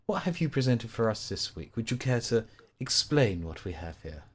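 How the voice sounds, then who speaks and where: A man's voice: medium pitch, sing-song, moderate pace, husky. A man co-hosting a songwriting podcast in casual chat, self-deprecating and laughing often. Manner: laughs often, self-deprecating, puts on silly inner voices. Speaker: podcast co-host.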